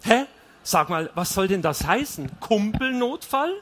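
A man's voice: high voice, lively intonation, a little slow, fairly bright tone, full character voice. Man putting on a sarcastic young wife. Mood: incredulous. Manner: sarcastic, scolding. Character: sharp-tongued young wife and mother, sarcastic.

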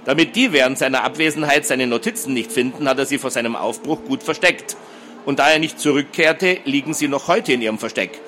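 A man reads a fantasy adventure aloud in audiobook style. His voice sits in a middle register and keeps an even storytelling pace. A faint hiss runs beneath the recording. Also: medium pitch, a little fast. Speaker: narrator.

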